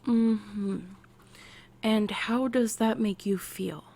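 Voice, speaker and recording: Speaking very slowly with a creaky voice, an American-accented woman plays an eccentric military scientist eagerly acting as therapist in a close, chatty ASMR roleplay that dips into soft whispers. Her mid-range intonation stays fairly even, and the delivery is heavily acted. The mood is soothing and attentive.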